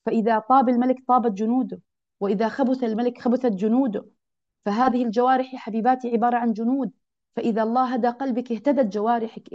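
In a mellow voice that is a little high, a woman gives other women a religious lesson. She sounds earnest and exhorting, returns often to key phrases, and is captured on a dull lo-fi recording.

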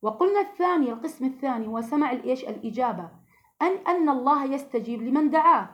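High-voiced woman giving a religious lesson. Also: animated, fast, fairly bright tone. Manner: earnest, addresses listeners directly with questions. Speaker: religious teacher.

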